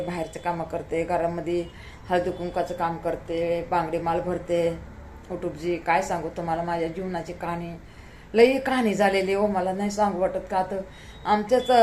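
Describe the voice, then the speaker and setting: A woman's voice: lowish voice, a little mellow, a little hiss or hum. Weary, pleading woman vlogger. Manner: pleading, repetitive, heartfelt. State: tired. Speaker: YouTuber. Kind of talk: emotional talk to camera.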